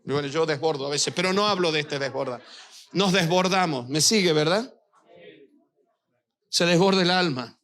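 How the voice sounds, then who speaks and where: A man's voice: fairly high pitch, fairly bright tone. A male pastor preaching a sermon, speaking directly to his church and weaving in personal anecdotes.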